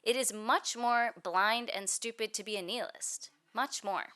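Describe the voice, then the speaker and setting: Bright-voiced woman interpreting a dharma talk. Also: fairly high pitch, unhurried. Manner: fluent and explanatory, with frequent "you know" and "actually".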